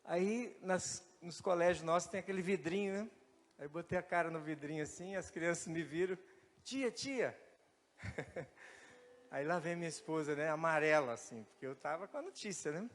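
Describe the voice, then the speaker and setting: Church hall reverb and faint music surround a Brazilian-accented pastor as he preaches in a church at normal speed. His voice is a little high, and he animatedly tells a personal story, acting out the dialogue.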